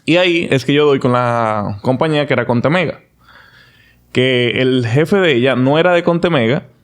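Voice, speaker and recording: A man, a podcast guest telling his story in a casual, animated, confident way with frequent restarts. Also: medium pitch, clear, resonant tone.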